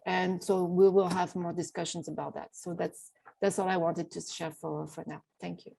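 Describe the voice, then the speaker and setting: A woman panelist from a development bank explaining things in a measured way, with small restarts, in a virtual panel discussion over a video call. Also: lowish voice, flat delivery, vocal fry, mellow, slightly rough, low-quality recording.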